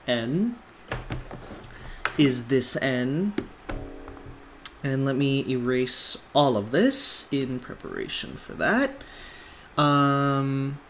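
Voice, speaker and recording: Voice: medium pitch, a bit bright, slight background noise. A streamer giving a casual live breakdown of a song's melody, humming phrases on nonsense syllables and talking through ideas loosely. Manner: loose, conversational, thinking aloud with fillers; reads and answers viewer requests. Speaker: music analysis streamer.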